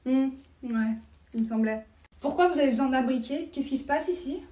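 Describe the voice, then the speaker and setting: A woman's voice: high-pitched, a little fast, dark tone, reverberant, distant mic, slight background noise, lightly acted. Woman playing a nosy, prying mother. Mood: suspicious. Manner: prying, sing-song fake politeness. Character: snooping, suspicious mother of a teenage girl. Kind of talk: comedy sketch role-play.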